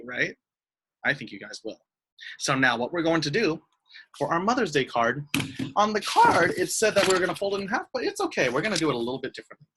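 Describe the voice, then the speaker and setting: Animated sing-song teacher on a video call. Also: medium pitch, slight background noise. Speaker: elementary school teacher. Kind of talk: online craft lesson for young children.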